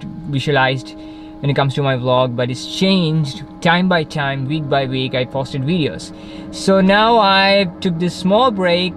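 A young adult vlogger from Kerala, India, with a Malayali accent, talks off the cuff to a dashboard camera facing him in a parked car. He rambles, restarting and correcting himself often, in a mid-range voice. The recording is rough, with background music under his voice.

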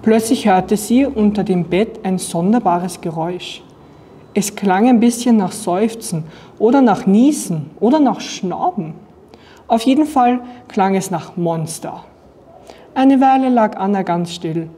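A young woman from Austria reads a children's picture book aloud in a calm, even storytelling voice. Her tone is mellow and soft. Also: medium pitch, a little slow, breathy edge. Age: young adult. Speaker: student reading aloud.

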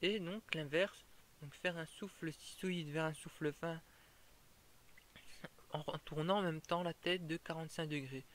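A man's voice: fairly high pitch, steady tone, unhurried, long pauses, fairly bright tone, a little hiss or hum. A man explaining a fire-breathing tutorial in an informal way, stopping and restarting as he goes over each step.

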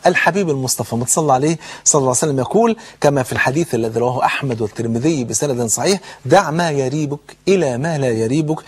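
A man in his sixties with an Egyptian accent gives a religious lecture, telling a personal story and acting out the dialogue, with sudden drops to quiet tones and rises to loud ones. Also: a little high, slightly rough. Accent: Egyptian Arabic. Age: 60s. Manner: storytelling, acts out quoted dialogue, shifts between hushed and raised tones. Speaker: preacher.

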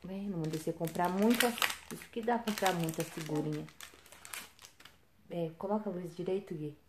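Background noise accompanies a mother with a Brazilian accent filming a casual vlog at home at night. Speaking fairly quickly in a voice on the low side, she teases her son playfully and exclaims to viewers.

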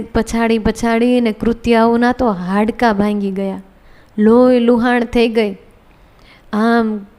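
A woman's voice: on the high side, darkish tone. A woman narrating a devotional story, telling it dramatically and voicing each character herself. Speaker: religious storyteller. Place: women's religious centre.

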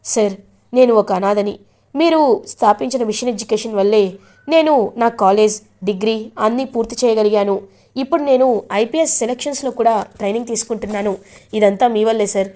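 A woman's voice: on the high side, fairly quick, mellow, close to an everyday voice. A woman voicing an earnest, loyal young man who speaks respectfully in a serial recap.

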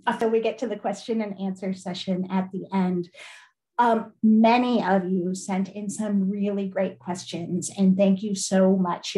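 A woman's voice: mid-range voice, warm tone. Woman opening an online event in a roomy space. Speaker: event host. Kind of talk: scripted welcome.

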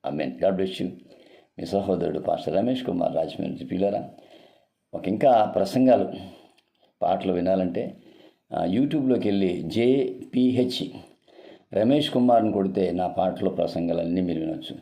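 Telugu pastor guy preaching, kinda low voice, very dark tone, keeps asking who will wipe your tears type questions. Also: moderate pace, gravelly, long pauses. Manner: earnest, pleading, repeats rhetorical questions. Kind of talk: devotional sermon.

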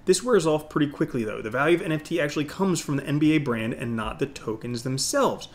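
A man's voice: a little high, lively intonation, quick pace. A middle-aged man hosting an opinionated crypto video, talking like an informal, salesy crypto bro to the camera. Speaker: crypto YouTube host.

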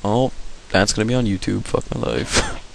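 A man on a headset giving live gameplay commentary, excitable and swearing as he shouts at the game. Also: lowish voice, vocal fry. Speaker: gaming video host.

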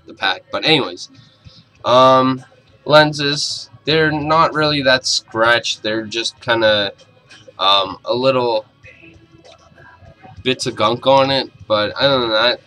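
A young man talks through a casual review in a small bedroom, picked up by a camera mic at arm's length. His voice is bright and forward, and his manner is blunt and informal. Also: mid-range voice, poor audio. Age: young adult. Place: small cluttered bedroom, indoors.

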